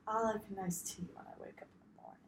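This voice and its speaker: A woman's voice: mid-range voice, huge pitch swings, fast talker, vocal fry. A young woman playing a laid-back retired male farmer as a patient in a mock intake role-play, giving short, joking answers. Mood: easygoing. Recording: echoey room, faint noise.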